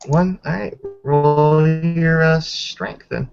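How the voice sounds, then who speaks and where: A game master casually narrates a live tabletop roleplaying game, swearing freely and counting dice, with soft music in the background. His voice is a little high yet gravelly and darkish, steady in tone and slow in pace. The voice chat audio is dull and lo-fi.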